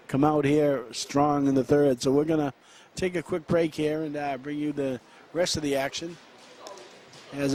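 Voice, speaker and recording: A man calling play-by-play for a high school basketball game, running through quick action with frequent fillers and restarts. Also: dark tone. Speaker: play-by-play announcer.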